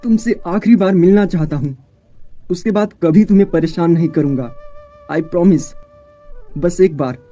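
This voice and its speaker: Man voicing a manipulative ex-boyfriend villain for an audio story, warm, very dark tone, slightly high. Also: moderate pace, pauses often, soft background music, natural voice. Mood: pleading. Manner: pleading, then gloating. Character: scheming young male ex-lover, manipulative. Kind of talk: Hindi audio drama acting.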